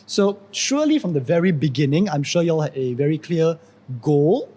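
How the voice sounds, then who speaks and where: A young man hosting a student podcast in a relaxed, talkative way with a husky voice. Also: on the high side, normal speed, a little hiss or hum. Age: young adult. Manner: relaxed, talkative, many fillers. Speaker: podcast host. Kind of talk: casual podcast chat.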